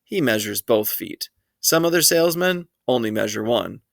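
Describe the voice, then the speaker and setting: A man reads a children's chapter book aloud in steady first-person storytelling. His middle-pitched voice has a gravelly, creaky texture, and the sound is dry and close with no room echo. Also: moderate pace. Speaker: reader.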